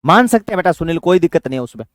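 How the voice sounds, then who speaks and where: A man teaching an exam-prep lesson, fatherly with his students, asking questions and answering them himself, chanting memory tricks slowly. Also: on the high side, animated, fairly bright tone, no room sound.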